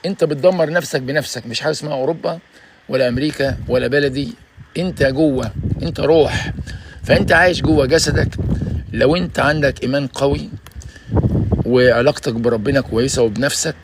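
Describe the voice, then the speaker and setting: A man's voice: on the high side, slight background noise. A man in his sixties with an Egyptian Arabic accent gives emphatic, preachy motivational advice in a casual vlog, often saying "ya basha". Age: 60s. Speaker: vlogger giving life advice.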